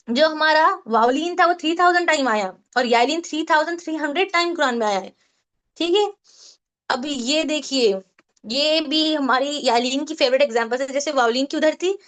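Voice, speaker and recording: High-voiced woman teaching tajweed. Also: a bit bright. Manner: patient, repeats questions and answers, drills Arabic sounds slowly. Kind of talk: online Quran recitation lesson.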